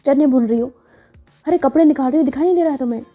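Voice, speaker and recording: A curt, defiant young woman, acted out by a woman narrator barks orders and stands her ground. The voice is a little high with a dark, mellow tone. Soft music runs behind it. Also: very fast, highs cut off, natural voice. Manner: curt and bossy. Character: blunt, defiant young woman, new bride.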